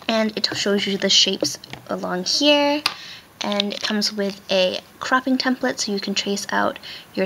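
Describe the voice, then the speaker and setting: A woman hosting a casual hands-on craft tutorial, talking step by step while she works, her voice muffled by a face mask. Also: medium pitch. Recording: clear background noise, handling clicks.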